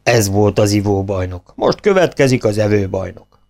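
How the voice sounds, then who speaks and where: A man's voice: fairly low pitch, creaky, darkish tone, soft background music. A man voicing a proud, boastful champion eater and drinker who brags haughtily and grumbles.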